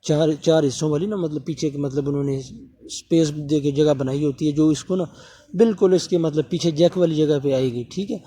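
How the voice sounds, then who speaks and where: A man's voice: fairly high pitch, steady tone, warm tone. A man from Pakistan explaining a motor repair at his workbench, talking while he works and often checking in with the viewer. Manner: talks while working, often asking viewers to subscribe; repeats fillers and checks in with the viewer. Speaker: electronics repair technician. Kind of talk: hands-on repair tutorial.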